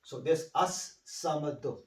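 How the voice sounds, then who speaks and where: A man tutoring one student in recitation, patiently explaining and repeating words slowly so the student can echo them. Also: a little high, distant mic. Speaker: Quran recitation teacher. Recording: roomy, a bit off-mic.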